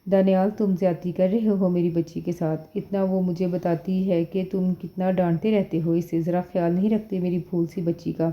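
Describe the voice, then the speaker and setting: A woman's voice: fairly low pitch, little pitch movement, few pauses, lightly acted. A woman reading the part of a protective middle-aged mother in an audio novel, scolding and pleading, on a dull lo-fi recording. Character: protective mother of the wife, indignant.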